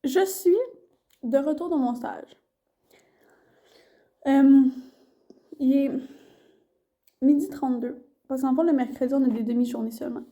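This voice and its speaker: High, mellow young Québécoise rambling casually. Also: female voice, a little slow, long pauses. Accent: Québécois French. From Quebec. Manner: rambling, loose and chatty, full of fillers and restarts. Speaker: vlogger and student intern. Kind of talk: casual vlog chat.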